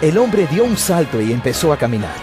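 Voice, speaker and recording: A man's voice: on the high side, big pitch swings, a little fast, music in the background. A man giving solemn, scripted narration of a dramatized Bible.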